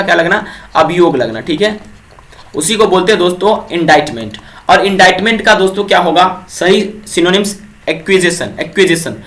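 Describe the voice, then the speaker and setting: High-voiced man teaching vocabulary, quizzing viewers. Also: a bit bright. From Bihar, India. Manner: repeats quiz questions to viewers, fills with "ठीक है". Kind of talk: exam-prep vocabulary lesson.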